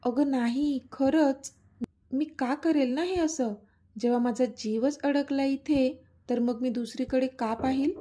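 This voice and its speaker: A woman's voice: high-pitched, steady tone, measured pace, mellow. A woman voicing a playful, teasing young man, the romantic lead of a spoken story.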